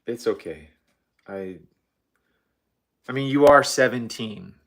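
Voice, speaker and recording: A man's voice: medium pitch, slow, a bit bright. A middle-aged man hosting a live cooking stream from his home kitchen, rambling and self-deprecating with lots of ums. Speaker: livestream host. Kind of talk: casual live cooking chat.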